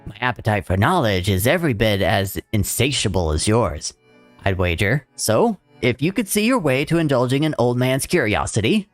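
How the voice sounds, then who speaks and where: A man's voice: very animated, moderate pace, no echo, soft background music, lightly acted. A man voicing a proud older male scholar who speaks in a lofty, old-fashioned way. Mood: earnest. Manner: lofty, old-fashioned speech, raised pitch.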